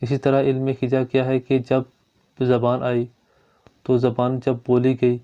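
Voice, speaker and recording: A man's voice: mid-range voice, completely flat delivery, smooth. A man teaching a grammar lesson. He explains step by step and repeats his points. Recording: dull lo-fi recording.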